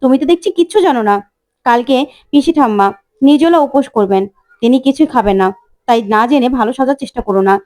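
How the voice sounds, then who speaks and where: A woman voicing a sharp-tongued, sarcastic middle-aged mother-in-law in a soap-opera recap. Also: high voice, fast talker, close to an everyday voice. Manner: sarcastic, cutting.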